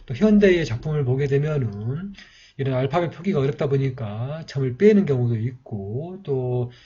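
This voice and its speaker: Husky, mellow-voiced man teaching script. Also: medium pitch, lively intonation, moderate pace. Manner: patient, explanatory, walks through each stroke with frequent "ja" and "eo" fillers. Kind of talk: step-by-step writing lesson. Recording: dull lo-fi recording.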